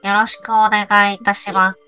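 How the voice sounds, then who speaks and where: A woman's voice: mid-range voice, little pitch movement, pushed and bright, faint music behind, voice pushed up, close to an everyday voice. Woman doing a nasal retro robot voice. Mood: stiffly polite. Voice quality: nasal, pinched-nose voice. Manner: stiff, evenly measured robotic delivery. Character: old-fashioned female caretaker robot, stiffly polite. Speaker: voice actress.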